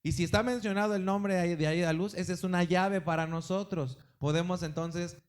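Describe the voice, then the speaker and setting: Emphatic preaching man, fairly high voice. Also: steady tone, brisk. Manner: emphatic preaching with rising, falling volume and repeated exclamations. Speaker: pastor. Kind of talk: sermon. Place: church service.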